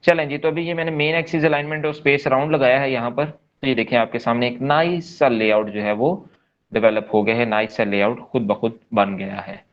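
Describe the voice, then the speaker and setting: A man's voice: mid-range voice, fairly even intonation, fairly quick, lo-fi sound. A man leading a live online coding class, explaining step by step in a patient, repetitive way and checking in often with his students. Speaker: coding instructor.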